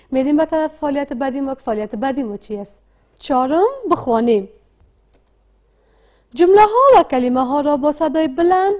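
A woman with a Dari accent teaching a literacy lesson, asking questions and answering them herself in a slow, deliberate way. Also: high voice, mellow. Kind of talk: classroom lesson.

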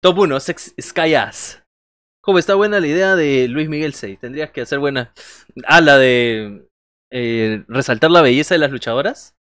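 Streaming from a small bedroom indoors, a man in his thirties calls wrestling moves and reacts to chat in a joking, conversational way. He speaks at a moderate pace in a voice on the high side, fairly bright, in a dry recording.

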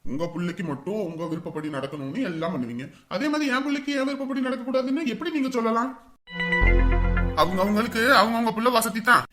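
A man's voice: extremely high pitch, lively intonation, quick pace, over loud music. An actor playing a stubborn father who defiantly defends his choices in a family drama. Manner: defiant, dismissive. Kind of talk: web series drama acting.

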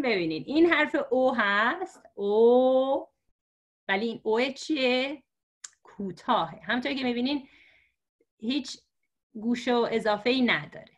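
A woman teacher telling a story to explain letters, patient and slow, with many fillers. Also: fairly high pitch. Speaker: religious script teacher. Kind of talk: storytelling lesson for learners.

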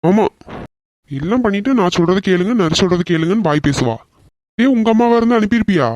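A man voicing a hot-tempered but soft-hearted young husband in a cartoon, emotional and quick to apologize. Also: sits high, no echo, natural voice. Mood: angry. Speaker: voice actor. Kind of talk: animated cartoon dialogue. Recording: dull, dry lo-fi recording.

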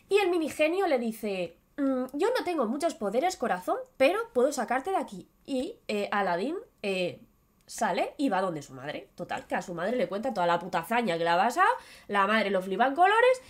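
Woman co-host, slightly high voice, jokey and crude storytelling, jumps into character voices. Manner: playful, crude and lively, acting out the characters' lines. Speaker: channel co-host. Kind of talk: casual comic retelling of a story.

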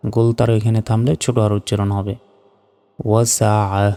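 A man's voice: lowish voice, little pitch movement, fairly quick, mellow, big-room sound. A man teaching Quran reading, spelling each letter and syllable aloud and then chanting the joined word.

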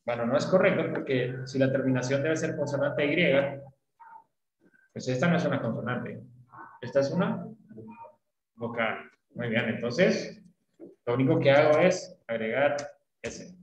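A man's voice: medium pitch, measured pace, long pauses, reverberant, muffled recording. A man teaching an online English class, explaining patiently and often checking that students follow. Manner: patient, often checks understanding with tag questions.

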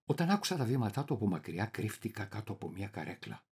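A man performing a theatrical reading as a deluded, paranoid middle-aged clerk, swinging wildly between shouting and muttering. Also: on the low side, big pitch swings, breathy edge, full character voice. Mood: bewildered, paranoid. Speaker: reader of a dramatic monologue.

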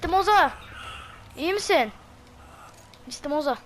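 A woman streaming a game with excitable, chatty commentary and shouted reactions. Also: high-pitched, unhurried, a little hiss or hum. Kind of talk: let's-play commentary. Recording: voice over loud game music.

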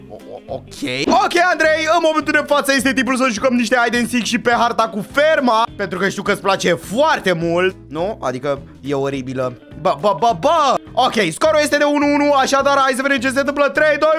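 Animated young man narrating gameplay. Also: sits high. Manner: animated, talks to viewers, jumps from hushed to loud. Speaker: gaming YouTuber. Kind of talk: excited gameplay commentary.

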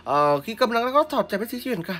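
A woman's voice: fairly high pitch, expressive, fast, fairly bright tone. A woman giving live gameplay commentary, explaining her strategy and crying out and repeating words during fights. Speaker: gameplay streamer.

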